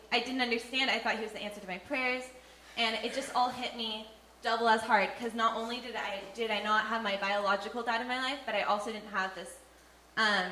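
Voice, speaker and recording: A woman's voice: a little high, sharp tone. A young woman giving an earnest, heartfelt personal faith testimony, with frequent fillers. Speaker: testimony speaker. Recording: echoey room with faint ambient noise.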